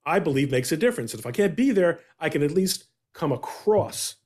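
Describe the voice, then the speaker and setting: A middle-aged man hosting a podcast interview over a video call, speaking in a measured, deliberate way. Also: a little high, animated, a little mellow, slightly rough. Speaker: podcast host. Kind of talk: conversational interview.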